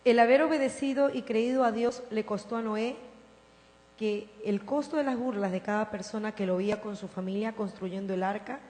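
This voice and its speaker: Lady pastor preaching, gets fired up then goes soft and tender, hum in the background. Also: medium pitch, moderate pace. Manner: impassioned preaching, dropping to soft tender tones. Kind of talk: sermon. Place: church sanctuary. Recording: reverberant hall with mains hum.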